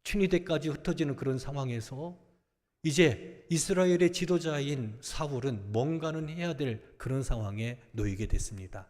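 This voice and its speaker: A middle-aged man preaching a sermon in a big church sanctuary, his voice trailing off into a long reverb. He swings from loud, emphatic exhortation down to hushed, almost whispered lines, at an ordinary middle pitch for a man. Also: animated, moderate pace. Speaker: senior pastor.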